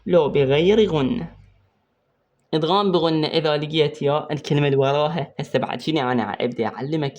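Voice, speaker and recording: In this exam-prep session on Quran recitation rules, the teacher is a man with an Iraqi Arabic accent who tests his student and slowly restates key ideas while writing on a board. His voice sits a little high and sounds a little mellow.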